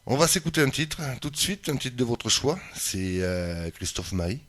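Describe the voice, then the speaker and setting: A man hosting a community radio program, chatting with a guest and introducing the next song. His voice is mid-pitched and ordinary. He speaks in an easygoing, slightly hesitant way. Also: big pitch swings, moderate pace, fairly bright tone. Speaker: radio host. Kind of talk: casual radio interview hosting.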